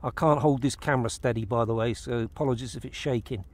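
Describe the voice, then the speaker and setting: Out on open water, an English man in middle age talks quickly and steadily at medium pitch into the action camera fixed to his kayak, with no room sound. The fishing vlogger walks through each step casually, frequently starting his phrases over.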